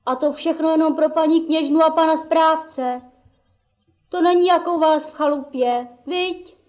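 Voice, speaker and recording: Cheeky puppet jester boy voiced by a woman: very high, impish, mocking. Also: fairly even intonation, darkish tone, close to an everyday voice. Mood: sly, playful. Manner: mocking, playful banter. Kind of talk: puppet theatre play.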